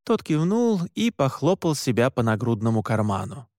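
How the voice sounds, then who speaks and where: A man's voice: mid-range voice, very animated, moderate pace, a little mellow, no room sound. Male audiobook narrator with a dry, close voice. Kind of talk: first-person audiobook narration.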